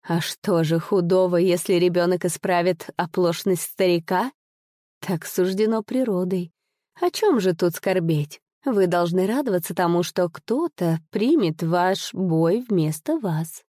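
A woman's voice: fairly low pitch, measured pace, warm tone, no room sound, studio quality, natural voice. A woman voicing a mysterious noble lady who speaks in a sing-song, lightly mocking way.

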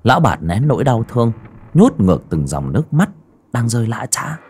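A man narrating a horror audiobook in a dramatic, expressive way. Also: medium pitch, moderate pace, slightly rough. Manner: expressive, rising and falling with the drama.

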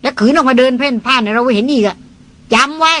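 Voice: sits high, fast talker, bright, forceful tone, pitched above the performer's own voice. Reader voicing a firm brother, emphatic warning, raised voice, insistent. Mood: threatening. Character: firm elder brother issuing a threat.

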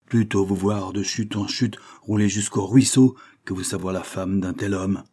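A man reading the part of a proud older countess in a rage: her voice is pushed up from a low, husky base into loud, wrathful bursts of scorn. The tone stays dark and heavy throughout. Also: fairly even intonation, moderate pace. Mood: scornful. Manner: shouting, scornful, wrathful tirades.

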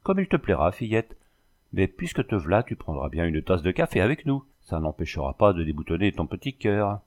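A man's voice: sits low, sing-song, fairly quick, darkish tone. A man reading the part of a blustering old male carter in a storybook, folksy and exclamatory. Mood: jovial.

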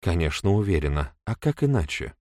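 A man reading an audiobook, voicing a touchy, defiant young woman who breaks into sharp outbursts. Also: low-pitched, sing-song, a little fast, no echo, clean studio sound. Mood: defensive.

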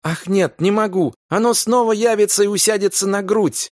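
Frightened young wife, read by a man in a raised, pleading pitch. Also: big pitch swings, measured pace, dry recording, studio quality. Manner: pleading, breathless, fretful.

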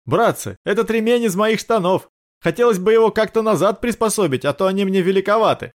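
A man's voice: high-pitched, fairly quick, voice pushed up, natural voice. A man voicing a young male prisoner who stays wry and cheeky under threat, in a raised voice.

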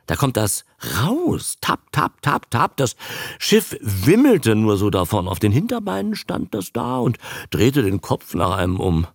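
A man's voice: on the low side, wildly swooping pitch, unhurried, darkish tone, dry recording, clean studio sound, heavily acted. A man reading a radio story, voicing a boastful, blustering Irish sailor telling a yarn.

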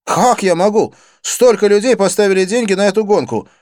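A man doing an eager, excitable young racer. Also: sits high, brisk, no room sound, clean studio sound, voice pushed up, close to an everyday voice. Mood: excited. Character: eager young man caught up in a street race.

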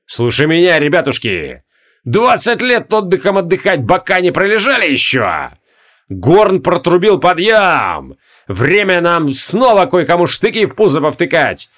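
A man's voice: sits high, very animated, unhurried, fairly bright tone, voice pushed up, heavily acted. Man voicing jolly old undead marshal Khabokin. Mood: commanding, gruff. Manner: folksy rustic speech, gruff barking commands. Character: jovial old undead male marshal, folksy.

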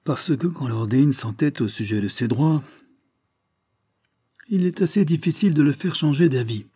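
A man's voice: fairly high pitch, mellow, husky, no room sound, clean studio sound, voice pushed up. A man voicing a wary, reserved male servant who speaks hesitantly and with doubt. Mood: doubtful. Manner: hesitant, measured.

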